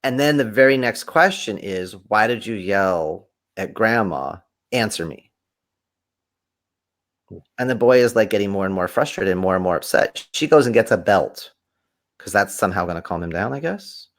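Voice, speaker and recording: A man, a podcast guest, telling stories animatedly in conversation and acting out quoted voices with big swings in pitch. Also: lively intonation, fairly quick. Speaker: podcast guest, kung fu teacher.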